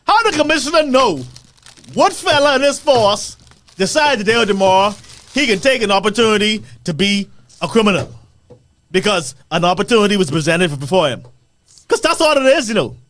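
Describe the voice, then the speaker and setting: Bahamian male panelist with a very high voice, emphatic and insistent. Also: lively intonation, fairly quick, fairly bright tone. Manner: emphatic, repeats himself, interjects. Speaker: radio panel co-host. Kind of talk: heated radio panel debate.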